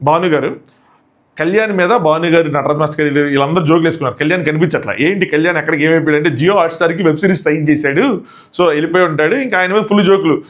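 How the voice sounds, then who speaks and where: Guy hosting a review, high voice, talks fast, jokey and mocking. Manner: mocking and excitable, slangy asides. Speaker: show reviewer and host. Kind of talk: casual comic review.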